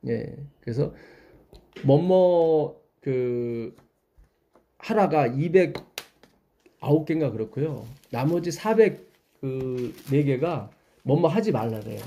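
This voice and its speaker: A man's voice: on the high side, lively intonation, takes it slowly, long pauses, warm tone. A man leading a Bible study, explaining patiently and asking his listeners questions.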